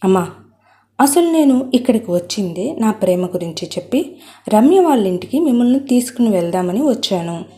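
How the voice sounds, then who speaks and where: A woman voicing a hot-tempered, stubborn young man who shouts indignantly. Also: fairly high pitch, sing-song, moderate pace. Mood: defiant.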